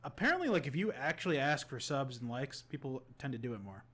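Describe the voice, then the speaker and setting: A man's voice: mid-range voice, sing-song, fast, a bit bright. A young man co-hosting a podcast, rambling casually with plenty of restarts. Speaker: podcast co-host. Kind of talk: casual chat.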